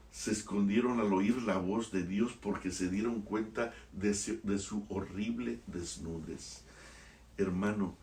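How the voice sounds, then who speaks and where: A male pastor preaching a sermon, impassioned, swinging from hushed lines to loud exclamations. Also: lowish voice, roomy sound, distant mic.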